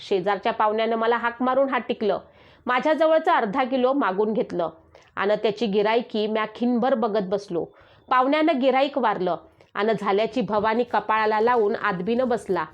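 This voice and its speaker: A woman's voice: a little high, normal speed. A woman reading a rural story aloud, voicing the villagers' calls and dialect as she narrates. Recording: dull lo-fi recording.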